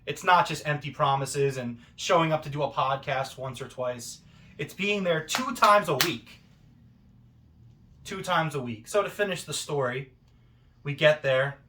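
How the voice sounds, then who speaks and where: A man delivering a self-important, accusatory wrestling promo monologue, with deliberate pauses and rhetorical questions. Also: medium pitch, bright, forceful tone.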